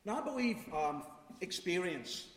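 A man's voice: sits high, sing-song, unhurried. Glaswegian man speaking in an echoey hall. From Glasgow, Scotland. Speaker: conference speaker. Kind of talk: personal public talk with anecdotes. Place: large reverberant room before a live audience. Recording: echoey hall, distant microphone.

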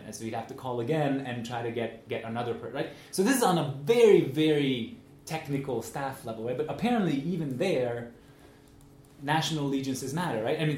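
A man's voice: mid-range voice, darkish tone. A man giving an informal academic talk, telling anecdotes conversationally and often checking in with the listeners. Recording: echoey room with faint noise.

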